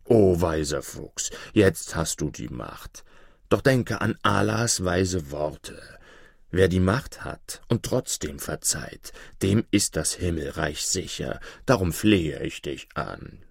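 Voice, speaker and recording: A man voicing a trapped male wolf who whines and pleads in a very low, gravelly voice, with dry close sound. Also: animated, slow pace, no room sound, heavily acted. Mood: pleading. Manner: whining, pleading.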